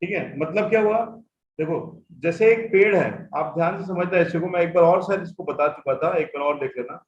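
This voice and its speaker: A man with a high-pitched voice teaches an online class at a fairly quick pace, repeating key points and often checking that his students follow. The recording is echoey and dull, with faint noise.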